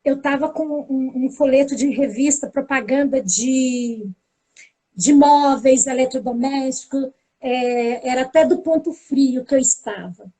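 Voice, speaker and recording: High-voiced woman telling a story. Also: unhurried. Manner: lively storytelling, acting out the dialogue. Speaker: teacher and pedagogical coordinator. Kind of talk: casual spoken anecdote.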